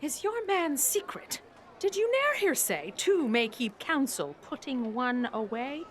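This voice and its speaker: A woman's voice: sits high, very animated, measured pace, slight background noise. A woman acting a talkative, easily offended, bawdy servant in classical Shakespearean stage style, blustering and full of exclamations. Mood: gossipy, coy.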